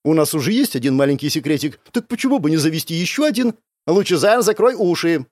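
A man voicing a cheeky, bossy young dark-haired girl in an audiobook, teasing and quick. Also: fairly high pitch, animated, no room sound, pitched above the performer's own voice. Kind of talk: audiobook character voice.

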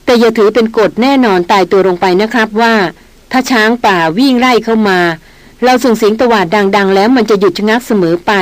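Woman reading as a calm veteran hunter. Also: mid-range voice, no echo, close to an everyday voice, low-quality recording. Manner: slow, steady explaining. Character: veteran male jungle hunter, calm and measured.

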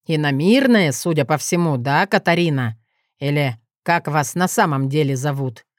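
A woman's voice: deep voice, moderate pace, no echo, clean studio sound, pitched below the performer's own voice, close to an everyday voice. A woman voicing a haughty adult dragon lord with an ironic, sneering drawl. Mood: sardonic.

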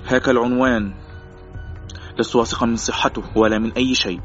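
A man's voice: medium pitch, fairly even intonation, quick pace, voice pushed up, natural voice. A man voicing a nervous, stubborn German informant in an audiobook, evasive and defensive, in a slightly muffled recording with faint music. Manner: defensive, evasive, rising to indignant. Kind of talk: audiobook character voice.

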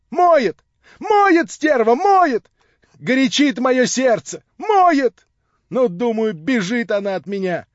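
A man's voice: sits high, no room sound, pitched above the performer's own voice. A man doing a shrieking drunken landlady. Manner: screeching, scolding, hysterical. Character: drunken shrieking landlady, middle-aged, cruel. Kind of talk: audiobook character voice. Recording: slightly dull lo-fi audio.

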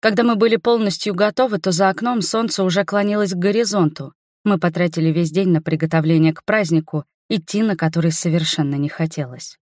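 A woman with a fairly low voice reads an audiobook in a measured, expressive first-person narration. The recording is close and dry, with no room sound. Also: dry recording.

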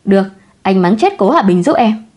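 A woman voicing a calm, devoted husband who answers in short, reassuring words. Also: a little fast. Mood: tender. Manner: brief, low-key, reassuring.

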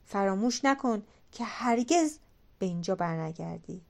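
A woman's voice: medium pitch, expressive, creaky. A woman reading a giant's cautious wife. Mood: hushed.

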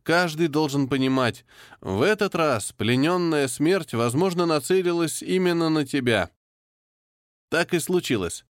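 A man narrating a first-person audiobook in a steady, measured way. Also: medium pitch, no room sound, clean studio sound.

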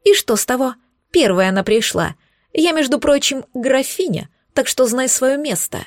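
A spoiled young countess in a storybook reading, shrill and indignant, her voice pitched up high, as a woman puts her on. She sneers and scolds with haughty contempt. The sound is dry and close. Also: animated, normal speed, no echo.

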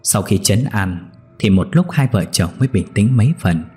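Husky, dark-voiced man narrating horror. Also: on the low side, animated, moderate pace, faint music behind. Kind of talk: scripted horror story narration.

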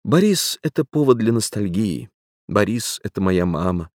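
A man reading an audiobook plays a frank, wistful man of about forty-two who speaks earnestly and gravely. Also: lowish voice, very animated, normal speed, a little mellow, no room sound, studio quality, voice pushed up. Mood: nostalgic. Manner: earnest, grave, sentimental confession.

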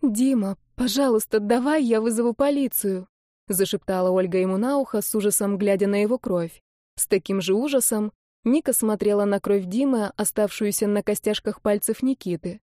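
A woman narrating a dramatic novel in steady storytelling style. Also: medium pitch, a little fast, no echo, clean studio sound. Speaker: audiobook narrator. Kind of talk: scripted narration.

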